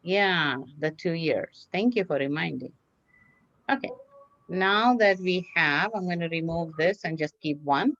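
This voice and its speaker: In a lowish, expressive voice that's a bit bright, a woman teacher speaks a little slowly while giving children simple, step-by-step craft instructions and repeating them with encouragement. There's no room sound, but the online class audio is dull and lo-fi.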